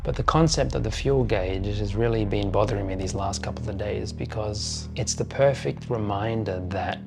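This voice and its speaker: A man, musing slowly and thoughtfully in a personal vlog monologue. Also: lowish voice, gravelly, music in the background. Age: 40s. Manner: slow, thoughtful, pausing often. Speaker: vlogger.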